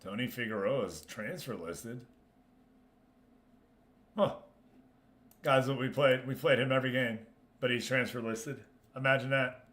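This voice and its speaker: A man livestreams a football management game, hosting a Football Manager league and chatting casually with viewers while reacting aloud and talking to himself. His mid-range voice is a bit bright and unhurried, with frequent pauses. The sound is roomy and echoing.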